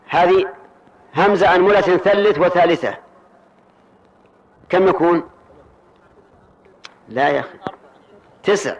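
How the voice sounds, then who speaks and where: A man teaching a grammar lesson in a methodical way, repeating each word form slowly and checking that his students follow. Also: sits high. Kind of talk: grammar lesson explaining a poem line. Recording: dull lo-fi lecture recording.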